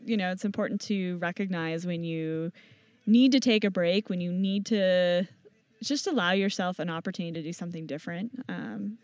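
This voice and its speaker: A woman who races mountain bikes professionally, answering interview questions in a relaxed way and thinking aloud with many fillers and restarts. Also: medium pitch, no room sound. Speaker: professional mountain bike racer and team owner.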